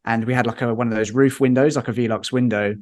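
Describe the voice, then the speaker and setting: Man, podcast guest, casual storytelling, chuckling, middle pitch. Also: quick pace. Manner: lively anecdotal storytelling, chuckling.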